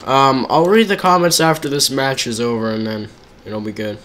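A man's voice: mid-range voice, moderate pace, a bit bright. A man casually chatting to his viewers while live-streaming a video game, reacting to the action as he plays.

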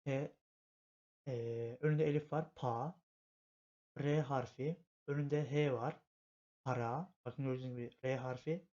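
A man's voice: medium pitch, steady tone, measured pace, pauses often, mellow. A man teaching a language lesson, spelling out letters patiently step by step and repeating himself often. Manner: patient, repetitive, step-by-step explanation. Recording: dull lo-fi home recording.

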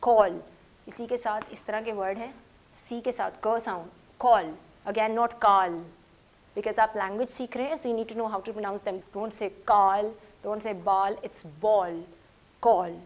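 A woman's voice: medium pitch, darkish tone. A woman teaching English phonics to a class, patiently stressing each letter sound. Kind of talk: classroom lesson.

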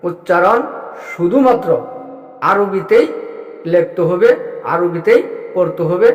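A man, a mufti answering a religious question in a sermon, speaking emphatically with a repetitive, measured preaching cadence. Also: high-pitched. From Bangladesh. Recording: echoey hall reverb.

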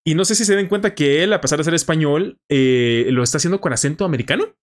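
A man with a Mexican Spanish accent giving casual, animated reaction commentary on someone's English. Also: a little high, fast talker. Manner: animated, enthusiastic, frequent fillers. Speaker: YouTuber analyzing English.

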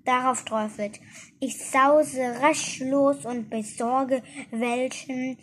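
A woman's voice: high voice, fairly even intonation, slow pace, a little hiss or hum. A woman reading the part of a clever, helpful girl mouse in a storybook, in an eager, helpful way.

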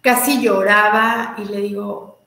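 Animated woman in a roomy space. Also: mid-range voice, slow, creaky. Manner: animated, acts out quoted dialogue. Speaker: guest, student of a healing method. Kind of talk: casual storytelling.

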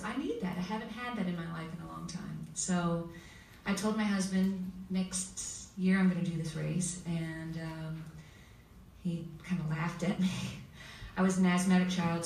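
A woman's voice: lowish voice, a little mellow. Emotional woman panelist in echoey hall. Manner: emotional, heartfelt storytelling with many pauses. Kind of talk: personal story at a panel. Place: school hall with audience. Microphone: table mic heard from far camera. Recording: echoey hall from far off, faint noise.

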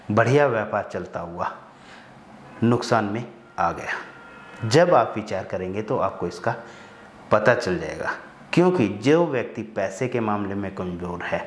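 A man in his thirties speaks straight to camera in a small studio, giving advice in an earnest, step-by-step way. His voice sits fairly low. A lapel mic picks him up in a room with a noticeable echo. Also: a little hiss or hum. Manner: earnest, repetitive, advising listeners step by step. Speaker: vastu consultant. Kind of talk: direct-to-camera advice talk. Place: small indoor studio with plain backdrop. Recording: roomy echo.

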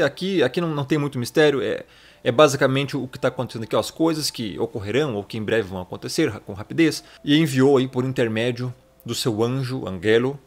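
A man giving a casual Bible study lesson, explaining words step by step and calling the viewer brother. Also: medium pitch. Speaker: Bible teacher.

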